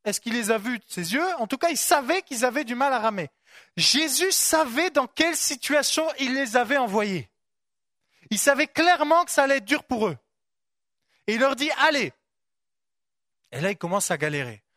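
A preacher giving a conversational sermon, breaking off from the reading to chat and ask listeners to picture the story. The voice sits at a middling pitch and shifts often between a lifted reading tone and a low aside. The sound is close and dry. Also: fairly quick, dry recording. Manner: lively, conversational, asks listeners to imagine, many asides.

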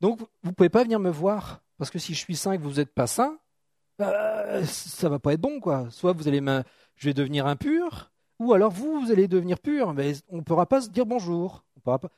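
A man's voice: a little high, warm tone, no room sound, studio quality. A middle-aged man from France preaching an informal, joking sermon, thinking aloud with many restarts and asides.

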